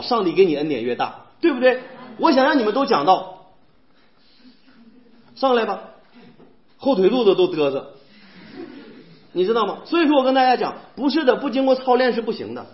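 A man preaching a sermon in a church, animated and firing rhetorical questions at the congregation. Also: high voice. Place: church hall. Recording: echoey, dull church hall recording.

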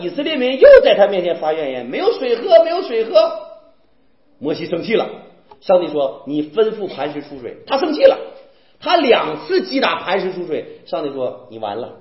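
A man preaching a sermon, swinging between loud bursts and low murmurs and asking many rhetorical questions. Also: reverberant, dull audio. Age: young adult. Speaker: pastor.

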